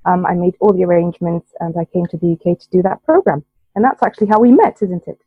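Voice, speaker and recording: Heard over a tinny line in a dry recording, this Romanian woman has a lowish voice with a breathy edge. A native Romanian speaker and interpreter, she's a measured, articulate guest in a relaxed interview.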